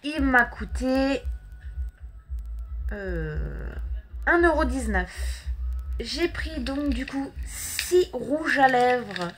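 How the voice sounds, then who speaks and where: A French woman vlogger talks unhurriedly through her makeup haul, her voice a touch high. She hesitates often, restarts sentences and apologizes along the way. A faint hiss of background noise sits under the recording. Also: lively intonation, drawn-out words, long pauses, a bit bright. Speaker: beauty vlogger. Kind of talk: casual makeup haul chat.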